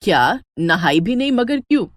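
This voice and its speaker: A woman voicing a proud, jealous middle-aged mother-in-law in a cartoon story, scolding and shrill when angry. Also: very animated, normal speed, no echo, studio quality, lightly acted.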